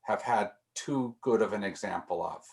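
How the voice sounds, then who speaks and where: A man's voice: on the low side, normal speed, darkish tone. A man leading a casual group discussion, thinking aloud with frequent restarts and repeated words.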